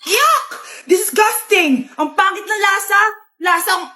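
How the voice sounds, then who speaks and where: A snobbish rich young woman who sneers at everyone around her, as a woman plays her in a comedy skit. Her voice is high and haughty. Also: normal speed, a bit bright, reverberant. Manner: haughty, rude. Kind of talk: comedy skit role-play.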